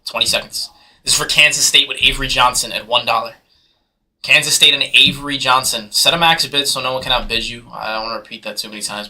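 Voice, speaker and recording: A man hosting a live sports card break, calling auction bids in hyped, fast patter. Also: mid-range voice, sharp tone. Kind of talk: live sales commentary.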